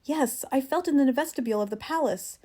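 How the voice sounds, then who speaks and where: A woman's voice: high-pitched, fast talker, dark tone, pitched above the performer's own voice, close to an everyday voice. A woman with a standard American accent voicing a distraught young wife in an audiobook, anxious and emphatic. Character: distraught young wife who lost a necklace. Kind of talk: audiobook character dialogue.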